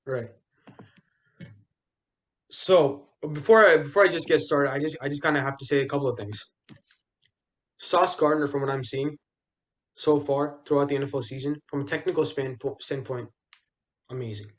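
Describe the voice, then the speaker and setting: Co-hosting a laid-back sports podcast, a young man jokes around, restarts sentences, and leans on plenty of fillers. He speaks in a mid-range voice at a moderate pace, with long pauses.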